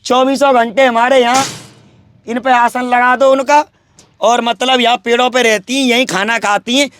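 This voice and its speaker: High-pitched boastful sadhu. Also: male voice, fairly even intonation, moderate pace, a bit bright, a little hiss or hum. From Braj region, India. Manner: boastful, emphatic, preachy. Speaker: wandering sadhu interviewed. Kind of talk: rambling spiritual talk.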